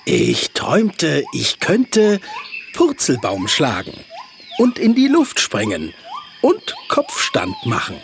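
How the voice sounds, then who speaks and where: Woman putting on a gravelly grouchy tiger lady, swings all over, slow. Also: medium pitch, wildly swooping pitch, a little hiss or hum, pitched above the performer's own voice, heavily acted. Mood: grumpy. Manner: grumbling, growling, irritable. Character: sleepy grumpy female tiger. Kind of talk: storybook reading.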